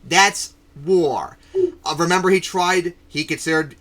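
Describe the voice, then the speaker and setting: A man's voice: a little high, measured pace, fairly bright tone. A man hosting a casual political chat show, ranting and swearing, with many fillers. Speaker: podcast host.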